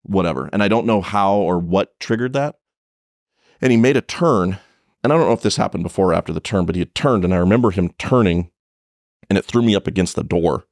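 A police officer on a podcast, speaking in a very deep voice. The sound is dry and close, with no room around it. He tells his story bluntly, full of profanity and restarts. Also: lively intonation, a little fast, a little mellow, dry recording.

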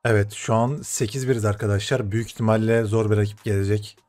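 Shouting at the game one moment and grumbling under his breath the next, a young streamer swears his way through commentary on his own football video game matches. He talks fast in a fairly low voice, clearly worked up.

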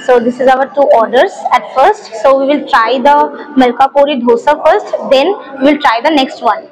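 A woman's voice: sits high, moderate pace, over music, poor audio. A young woman from India with a Bengali accent, reviewing dishes in a casual food vlog, eager and full of short exclamations as she tastes. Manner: enthusiastic, short exclamations while tasting. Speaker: food vlogger. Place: busy restaurant, indoors. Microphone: clip-on lapel mic. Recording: crowd noise in a busy restaurant. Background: restaurant crowd chatter.

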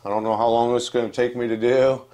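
An older West Virginia man who hosts a channel gives a casual, rambling update to camera, recorded on a lapel mic in an indoor room with wooden furniture. His voice is medium-pitched, mellow and fast with little pitch movement, and he talks plainly, full of fillers and restarts.

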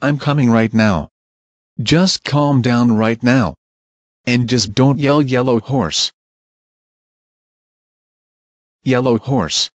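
A man's voice: medium pitch, takes it slowly, no room sound, natural voice. A man voicing a scared male bear toy who pleads and protests over and over. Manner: pleading, with strings of repeated protests.

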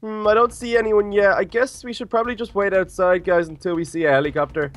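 A man's voice: high-pitched, steady tone, fast, faint music behind, close to an everyday voice. Man playing Tiny Turtle, an eager cartoon teacher. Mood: explaining. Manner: casual, eager, chatty. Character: Tiny Turtle, friendly excitable young turtle teacher. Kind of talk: improvised video game roleplay.

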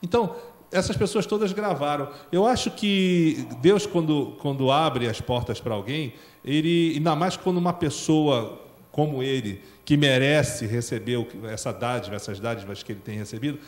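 A man's voice: medium pitch, normal speed, echoey room, long reverb tail. A man hosting a TV talk show, praising his guest with enthusiasm. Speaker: TV show host.

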